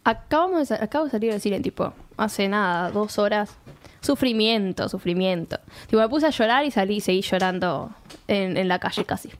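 Young woman, animated and chatty co-host. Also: medium pitch, normal speed. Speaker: co-host, film reviewer. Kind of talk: casual chat show banter.

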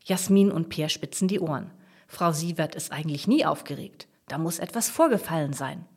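A woman reads a children's story aloud with an expressive, storytelling manner. Her pitch moves in a lively way, rising and falling through the sentences. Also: moderate pace, breathy edge. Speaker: narrator.

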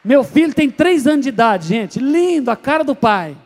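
A young man preaching a sermon from Brazil, telling stories and acting out voices, moving between soft and loud. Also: extremely high pitch, very animated, moderate pace.

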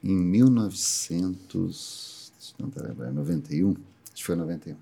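A man's voice: low-pitched, moderate pace, vocal fry, breathy edge. A middle-aged Brazilian man with a Brazilian Portuguese accent, chatting as a guest and telling a story with frequent laughs. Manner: animated storyteller who laughs often. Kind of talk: casual podcast chat.

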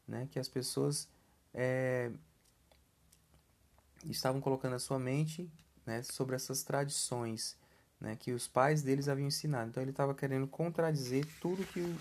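A man teaches a scripture lesson at an ordinary middle pitch. He talks in a loose, conversational way, turns questions back to his listeners and keeps adding little tag questions. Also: a little mellow.

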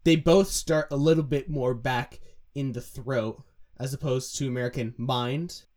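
A man's voice: medium pitch, steady tone, a little slow, darkish tone. A young man breaking down vocal diction. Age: young adult. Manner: explains pronunciation by demonstrating sounds. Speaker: music analysis co-host. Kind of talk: casual analytical chat.

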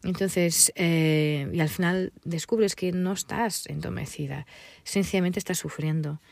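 A woman coach giving a gentle, reflective talk on emotional healing. She speaks hesitantly and often ends phrases with a questioning "right?". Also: lowish voice, fairly even intonation, a little slow, creaky, no room sound.

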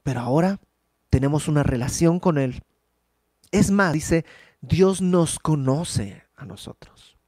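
A man's voice: a little high, slow pace, warm tone, no echo, clean studio sound. A man preaching a conversational sermon, explaining Bible verses with rhetorical questions and everyday examples.

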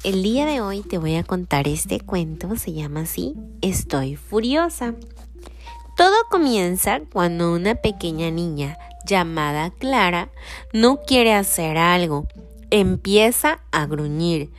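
A woman reading a children's audio storybook aloud in a slow, expressive way. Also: fairly low pitch, faint music behind.

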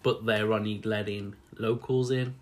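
A man co-hosting a podcast in casual chat, animated and quick to laugh. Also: on the low side, a little hiss or hum. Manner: animated, laughs a lot, mimics voices in quotes. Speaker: podcast co-host.

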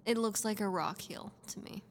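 A woman's voice: mid-range voice, normal speed. Young woman chiming in casually. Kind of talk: casual podcast chat.

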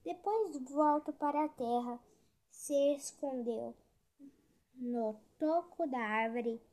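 A woman reading a folk tale aloud in a slow, simple storytelling way. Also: sits high, a little mellow.

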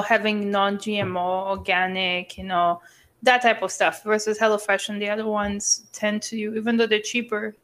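Young woman, podcast co-host, casual chat, rambling, slightly sick, middle pitch. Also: a bit bright. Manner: chatty, rambling with many fillers and restarts. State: coughing, a bit sick.

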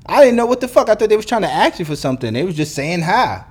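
A man's voice: sits high, sing-song, quick pace, husky. Blunt New man ranting. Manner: profane, blunt, heated ranting. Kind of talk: solo podcast monologue.

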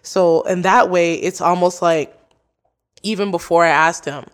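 A woman's voice: on the low side, a little slow, clear, resonant tone. A woman who hosts a podcast, interviewed as a guest and talking in an earnest, chatty way full of "like" and "you know". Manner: chatty, many likes and you knows. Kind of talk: casual interview chat.

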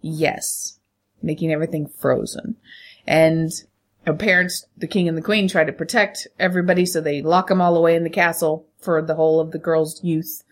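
A woman's voice: sits low, fairly even intonation, normal speed. A woman co-hosting a podcast in casual, joking, blunt banter, with a stuffy nose from a head cold. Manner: joking, blunt, swears freely. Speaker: podcast co-host. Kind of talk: casual banter and film chat.

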